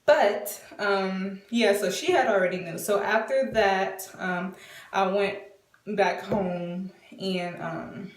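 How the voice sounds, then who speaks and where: A chatty woman in her twenties tells a casual storytime with plenty of fillers, slipping into the voices of the people in it. She sits back from the mic in a roomy, echoing space, and her pitch sits in the middle range. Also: slow pace. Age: 20s. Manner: chatty, many fillers, acts out quotes. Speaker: vlogger. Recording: roomy, from a distance.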